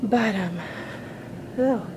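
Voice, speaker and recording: A woman with a slightly high voice draws out her words as she chats informally to the camera on her phone, walking laps and sounding a little tired. It's relaxed personal vlog talk, with noise in the background.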